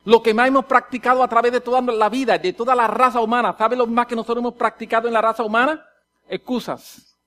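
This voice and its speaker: Preacher, male, high pitch, dramatic sermon that swings between quiet and loud. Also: level tone, fast. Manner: swings from hushed, intimate delivery to loud dramatic outbursts; acts out scenes with voices and sound effects.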